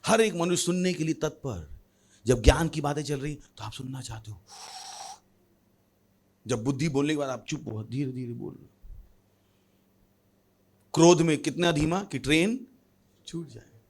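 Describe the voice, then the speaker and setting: A male pastor preaching a sermon, lively with humorous asides and questions thrown to the congregation. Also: on the high side, unhurried, long pauses, slightly rough. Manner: animated preaching with humorous asides and acted voices.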